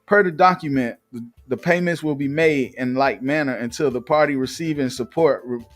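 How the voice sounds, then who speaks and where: A man's voice: mid-range voice, moderate pace. Casual male talk-show host, faint music. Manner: loose, filler-heavy, restarts often. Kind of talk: casual live-stream chat and reading news. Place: Atlanta.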